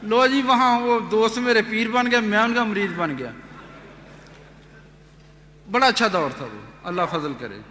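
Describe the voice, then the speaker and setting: A man giving an earnest personal testimony, retelling events with animated quoted dialogue. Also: high voice, pauses often, slight background noise. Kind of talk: storytelling testimony. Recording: echoey hall reverb.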